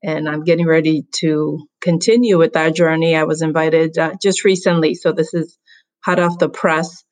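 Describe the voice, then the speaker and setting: A woman from the Dominican Republic, a guest on a video call, telling her career story in an upbeat, measured way with some fillers. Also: low voice, fairly even intonation, darkish tone. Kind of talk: interview answers.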